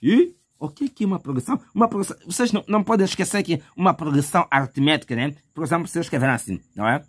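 A man with a fairly high voice explains a math exam step by step. He is chatty and informal, repeats himself and thinks aloud with fillers. He keeps calling the listener his brother. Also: expressive, racing, slightly rough. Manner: chatty, addresses viewer as "meu irmão". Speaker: math teacher. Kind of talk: math lesson walkthrough.

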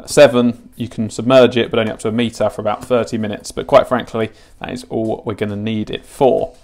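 Speaking fairly quickly in a lowish, darkish voice with flat delivery, this twenty-something British fishing channel host unboxes and explains gear at home in his kitchen. His manner is informal, chatty and matter-of-fact.

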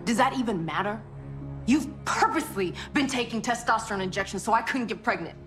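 A woman's voice: fairly high pitch, lively intonation, fairly quick, reverberant, music in the background, close to an everyday voice. An actress playing a betrayed young wife confronting her husband in a film drama. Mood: angry. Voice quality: accusing, emotional.

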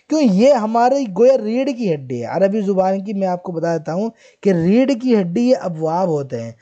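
Mellow-voiced male grammar teacher. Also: high-pitched, highs cut off. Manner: patient explaining, checks in with "theek hai". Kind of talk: recorded online lesson.

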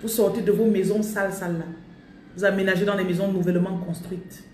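A woman's voice: medium pitch, steady tone, fast talker, a little mellow, a little hiss or hum. A woman giving a live spiritual coaching talk, declaring affirmations over her audience with emphasis and repeating her phrases. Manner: repeats phrases and slips into English. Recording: roomy echo, distant mic.

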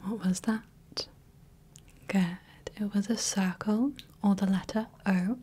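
A woman plays a gentle clinician in a whispered role-play, breathy and unhurried. She checks in kindly and reassures at every step. Her whisper is mellow and husky. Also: medium pitch, fairly even intonation. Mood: soothing. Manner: soft, slow, reassuring, checks in often. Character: gentle female clinician testing the viewer's eyes. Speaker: ASMR creator playing a clinician running light tests.

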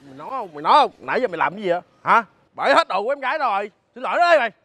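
A man's voice: sits high, animated, racing, husky, pitched above the performer's own voice, full character voice. A man voicing a brash young man who confronts someone on his sister's behalf. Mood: confrontational. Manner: aggressive, shouting. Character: brash young male big brother, confrontational. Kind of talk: comedy sketch acting.

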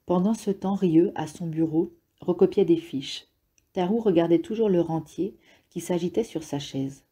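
A woman narrating an audiobook in a steady, even reading voice. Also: lowish voice, moderate pace, breathy edge. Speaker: audiobook reader.

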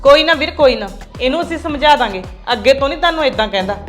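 A woman playing a sharp-tongued landlady in a family drama, brisk and scolding. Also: high-pitched, lively intonation, faint music behind.

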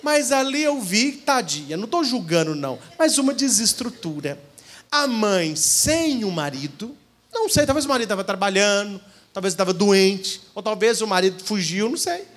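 Brazilian priest telling funny stories to couples, high voice that jumps all over, acts out the people in them. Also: male voice, moderate pace. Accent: Brazilian Portuguese. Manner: animated storytelling, acting out what people said. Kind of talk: humorous talk at a couples' retreat. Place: church event hall.

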